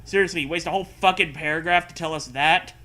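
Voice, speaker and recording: A comedy co-host reads fan fiction aloud in a mocking, dramatic style, riffing casually with sarcasm, profanity and hammy emphasis. His voice is on the high side, fast, bright and forceful.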